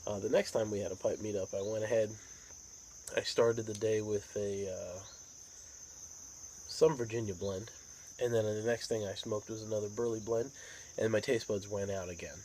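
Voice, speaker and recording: American male hobby vlogger, lowish voice, unhurried rambling chat, crickets and outdoor noise behind. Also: fairly even intonation, dark tone, rough recording. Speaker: pipe tobacco vlogger. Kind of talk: casual rambling monologue.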